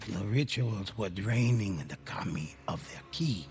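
An actor playing a grave storyteller in a video game, narrating legends in the dramatic, portentous style of a fighting game announcer. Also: male voice, lowish voice, lively intonation, vocal fry, darkish tone. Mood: grave, ominous. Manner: slow, grave, portentous delivery. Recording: music behind the voice.

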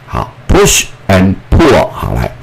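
A man teaching schoolchildren English phonics, repeating each word slowly and drilling the sounds. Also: low voice, wildly swooping pitch, gravelly, slightly rough, poor audio. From Taiwan.

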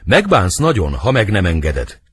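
A man reading the part of Benvolio, Romeo's loyal young friend, with an earnest, husky delivery for an audiobook. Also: sits low, huge pitch swings, fairly bright tone, full character voice. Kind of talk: audiobook verse drama reading.

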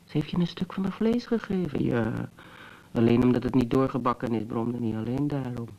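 An actor playing a bitter, teasing brother who muses to his sister in a slow, mocking monologue, in old radio drama style. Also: mid-range voice, creaky, warm tone, close to an everyday voice, rough recording. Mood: musing. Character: wry, bitter adult brother, teasing yet tender. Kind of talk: 1970s Dutch radio drama acting.

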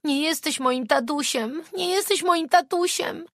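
A narrator reading an audiobook and voicing a frightened little girl who cries and pleads in high, tearful tones. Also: measured pace, fairly bright tone, dry recording, clean studio sound. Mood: terrified.

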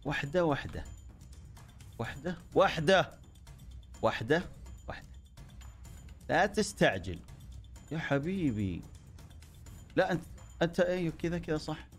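A man giving excitable commentary over his own gameplay, cheering himself on and joking with his viewers. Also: fairly high pitch, unhurried, pauses often, faint music behind. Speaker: gaming YouTuber.

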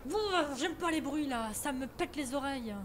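A high-pitched woman with a French accent plays a scary game live. She sounds nervous, swears often and stumbles through English text. Game noise hums behind her. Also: lively intonation, moderate pace. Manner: jittery, keeps saying she is scared, swears a lot. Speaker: gaming streamer. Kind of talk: live horror game commentary.

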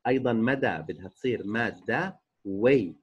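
A man teaching a remote grammar lesson, slowly stretching out example words and repeating each rule. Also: mid-range voice, animated, highs cut off, slight background noise. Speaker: Arabic teacher. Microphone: recorded voice-over for a distance lesson.

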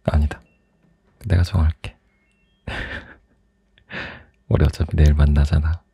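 A young man in a soft, intimate ASMR role-play as a teasing, doting boyfriend, close to the microphone. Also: extremely low pitch, level tone, slow pace, creaky, husky, no room sound, highs cut off. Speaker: ASMR performer playing a boyfriend.

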